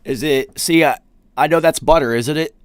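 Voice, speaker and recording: A man's voice: on the high side, normal speed, clear, resonant tone, dry recording. A middle-aged man with a West Virginia mountain accent chats casually as a host, in a slangy, profane, self-deprecating way. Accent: Appalachian West Virginia mountain accent. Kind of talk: casual chat.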